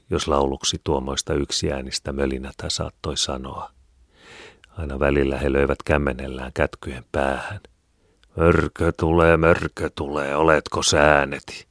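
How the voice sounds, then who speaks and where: A man reading a classic novel aloud in a measured, even storytelling manner. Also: extremely low pitch, dry recording, studio quality. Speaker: audiobook reader. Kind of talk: scripted narration.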